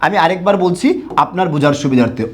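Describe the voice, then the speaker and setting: A man's voice: a little high, animated, fast talker. A man teaching pronunciation in an online lesson, asking questions and answering them himself, drawing out words to show each sound. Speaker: Bengali grammar teacher.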